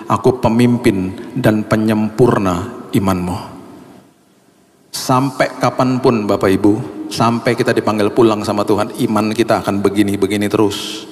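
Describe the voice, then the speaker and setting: A middle-aged male pastor preaching a sermon, telling stories with passion and rising high and loud to drive points home. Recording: long hall reverb.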